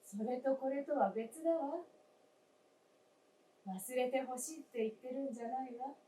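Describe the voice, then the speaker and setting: An actress in a staged radio drama plays the gentle, wistful ghost of a dead wife, using polite, old-fashioned feminine speech and deliberate phrasing. Her voice sits high but close to everyday speech, and the mood is frank and reproving. A distant mic on a roomy stage catches faint noise.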